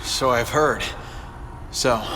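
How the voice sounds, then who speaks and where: A man's voice: medium pitch, takes it slowly, pushed and bright, big-room sound, a little hiss or hum. A young man acting a wisecracking, earnest masked superhero in a video game cutscene. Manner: wisecracking, eager.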